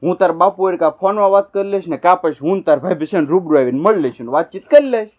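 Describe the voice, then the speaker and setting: A man's voice: sits high, quick pace, a little mellow, close to an everyday voice. An actor playing a caring elder brother who coaxes and reassures his sister. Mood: reassuring. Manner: reassuring, coaxing. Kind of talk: village family drama acting.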